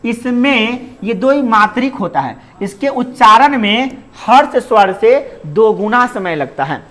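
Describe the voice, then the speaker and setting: Guy teaching grammar class, bright sharp voice, asks his own questions then answers, sounds out vowels. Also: high-pitched. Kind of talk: classroom lesson.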